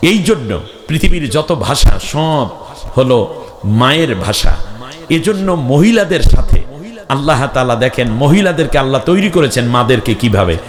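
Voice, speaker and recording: A male preacher delivering a sermon at a religious gathering. He tells homely stories and often climbs to shouted calls for the crowd to answer him back. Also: mid-range voice. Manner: storytelling with homely examples. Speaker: Islamic preacher. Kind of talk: Bengali waz sermon with call-and-response.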